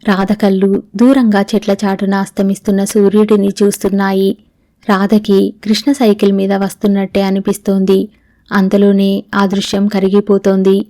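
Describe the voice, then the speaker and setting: Woman audiobook narrator, mellow tone, flat even pitch, steady reading. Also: moderate pace. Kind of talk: storybook narration of a novel.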